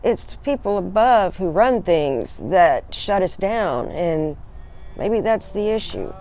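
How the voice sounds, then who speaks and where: A woman's voice: mid-range voice, lively intonation, takes it slowly, mellow, slight background noise, poor audio. A woman speaking reflectively as an interviewee.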